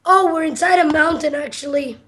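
High-voiced easygoing female gamer. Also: a little fast, sharp tone, slight background noise. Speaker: gamer recording a multiplayer session. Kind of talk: casual gameplay chat.

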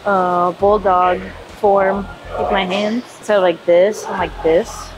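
A woman's voice: mid-range voice, little pitch movement, takes it slowly. A young woman powerlifter chatting casually in a gym, rambling with lots of filler words, on a lapel mic. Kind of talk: casual vlog chat. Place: indoor gym. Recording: background music under the voice.

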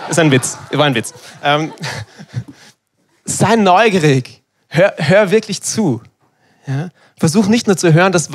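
A man, preaching a sermon in a lively, conversational way and acting out little dialogues. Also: mid-range voice.

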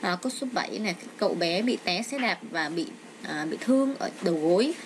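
A woman's voice: fairly low pitch, lively intonation, a little fast. A middle-aged woman teacher explaining an exam step by step from home, with frequent hesitant fillers. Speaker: English teacher. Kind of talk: exam walkthrough lesson. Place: home with a child nearby. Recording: noisy home recording.

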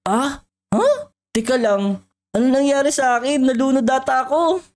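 A woman hosting a Minecraft role-play channel, excitable and talking straight to her viewers. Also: high-pitched, normal speed. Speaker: gaming YouTuber, host.

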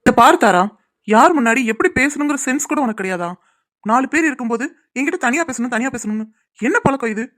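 A woman's voice: fairly high pitch, expressive, fast, fairly bright tone. A woman voicing an earnest, puzzled young man in a cartoon serial, pleading and defensive. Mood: reasoning.

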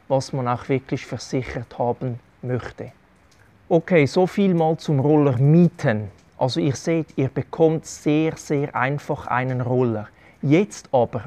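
A man's voice: mid-range voice, darkish tone. A middle-aged man from Switzerland with a Swiss German accent, explaining things step by step to his viewers, recorded outdoors on a covered terrace with a lapel mic. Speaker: travel vlogger giving advice. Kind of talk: explanatory talk to camera. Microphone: clip-on lapel mic.

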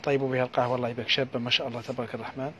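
A man with an Algerian accent giving a live sales pitch for housewares, reeling off prices in a quick patter full of repeated blessings. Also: level tone, background noise. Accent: Algerian Arabic. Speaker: housewares shop seller.

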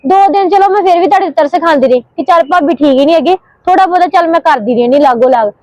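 A young woman playing a sharp-tongued, scheming sister-in-law in a short home drama, talking back indignantly. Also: very high voice, no echo, dull audio. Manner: rapid, retorting, indignant. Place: home, indoors.

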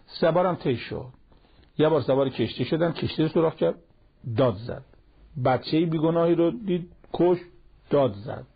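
A man's voice: fairly high pitch, lively intonation, pauses often. A man teaching a Quran lesson, retelling the story in plain colloquial speech and acting out the dialogue. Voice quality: gravelly and raspy. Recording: lo-fi television broadcast audio.

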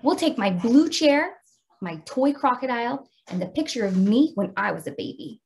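A woman's voice: a little high, expressive, moderate pace, vocal fry, a little mellow. Woman reading as an upset, emphatic little boy. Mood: determined. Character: upset little boy running away from home.

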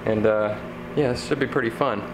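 A man's voice: medium pitch, moderate pace. Chatty man in an echoey garage. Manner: relaxed, chatty, thinking aloud with fillers. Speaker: fishing channel host. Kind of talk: casual how-to vlog. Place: home garage workshop. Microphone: camera mic. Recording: echoey garage with background noise.

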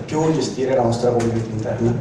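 A man's voice: mid-range voice, fast talker, background noise. A man marketing manager introducing himself in a businesslike way. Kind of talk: self-introduction. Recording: echoey hall, mic far off.

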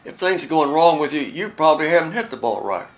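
A very old American man in his late eighties, talking reflectively in an interview, halting and repeating words as he goes. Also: a little high, sing-song. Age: late 80s. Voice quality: very old man's voice. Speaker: volunteer youth tennis coach.

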